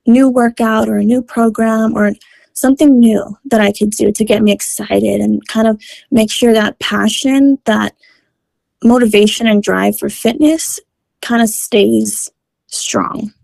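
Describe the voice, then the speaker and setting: A woman's voice: a little high, steady tone, a little slow, creaky, darkish tone, dry recording. A woman guest on a wellness podcast, talking upbeat and enthusiastic about fitness in a conversational interview. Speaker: guest, fitness content creator.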